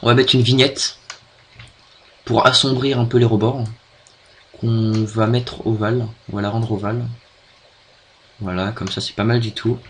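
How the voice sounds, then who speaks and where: A man's voice: mid-range voice, little pitch movement, moderate pace, long pauses, a bit bright, slight background noise. French man hesitantly walking through a tutorial. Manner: hesitant, many fillers and restarts. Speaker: video tutorial maker. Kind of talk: screen-recorded software tutorial.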